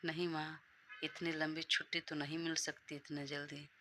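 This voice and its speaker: A woman's voice: deep voice, level tone, normal speed, sharp tone, slight background noise. A woman voicing a confused, heartbroken young woman who keeps questioning her own feelings in a Hindi audio story. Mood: downcast. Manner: questioning herself in an anxious inner monologue.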